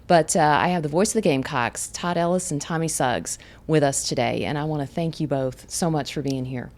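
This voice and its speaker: A woman with a deep, brisk, slightly mellow voice hosts a community podcast. She reads each guest's background aloud and asks them friendly questions in an interview format.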